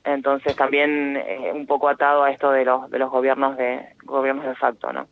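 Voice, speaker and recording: A woman with an Argentine Spanish accent comes through a thin, narrow phone line. She talks earnestly as an interview guest, pausing on fillers and restarting her sentences. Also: a bass voice, flat delivery, slight background noise. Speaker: guest, activist coordinator. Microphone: telephone.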